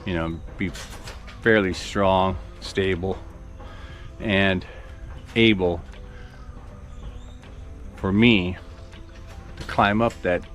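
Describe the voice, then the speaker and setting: A man's voice: low-pitched, steady tone, very slow, long pauses, fairly bright tone, soft background music. A man in his sixties casually thinking aloud as he plans a build on his farm, rambling with many restarts. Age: 60s. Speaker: farm vlogger. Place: outdoor construction site on a farm.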